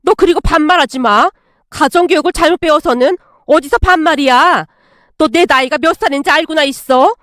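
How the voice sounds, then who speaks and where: A woman voicing a hot-tempered mother-in-law in her sixties who scolds and shouts in anger, in a story read aloud. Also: sits high, a little fast, dry recording, clean studio sound. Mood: furious scolding. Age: 60s. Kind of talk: storytelling with acted dialogue.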